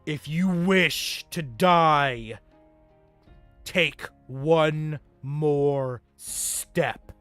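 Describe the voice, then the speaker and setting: A booming god of storms, acted out by a man for a tabletop game. He is loud, wrathful and impatient, dragging out each threat slowly over music. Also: clean tone, no room sound. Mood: menacing, commanding. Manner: slow, drawn-out threats. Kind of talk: tabletop game role-play.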